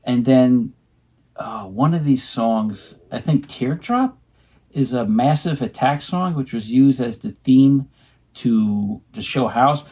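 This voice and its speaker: Casual male co-host, rambling delivery with lots of ums, mid-pitched, at home. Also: slow pace, darkish tone, slightly rough. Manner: rambling, many ums and restarts. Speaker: co-host showing his record purchases. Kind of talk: casual chat.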